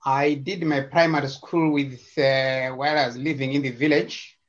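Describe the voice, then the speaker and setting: A man's voice: mid-range voice, level tone, normal speed. A man from Zimbabwe, a guest on a video call, talking in a casual, hesitant way with many repetitions and fillers. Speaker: interview guest. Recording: slightly dull video-call audio.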